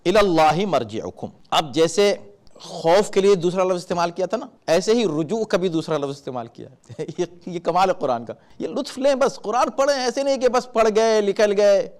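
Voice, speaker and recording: A middle-aged man explaining Quran verses in sermon style, animated and acting out warning calls in his examples. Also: sits high. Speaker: Islamic scholar giving Quran commentary.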